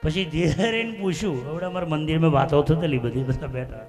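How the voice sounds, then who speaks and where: High-pitched village preacher, storytelling sermon w/ sung bits, instruments playing behind. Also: male voice, fast. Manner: folksy, animated storytelling, breaks into song. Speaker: devotional preacher and bhajan singer. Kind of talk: folk devotional sermon with sung verses. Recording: live music accompaniment behind.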